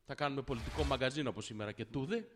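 A man's voice: medium pitch, background noise. A man co-hosting a comedy podcast, teasing his partner in a mock-serious way and laughing often. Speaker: podcast co-host. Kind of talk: casual comedic banter. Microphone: studio microphone. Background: music playing.

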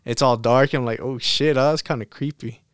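A man's voice: medium pitch, steady tone, normal speed, clear, resonant tone, dry recording, clean studio sound. A young man chatting casually like a frat bro, with lots of slang and swearing. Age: young adult. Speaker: podcast host. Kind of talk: casual chat.

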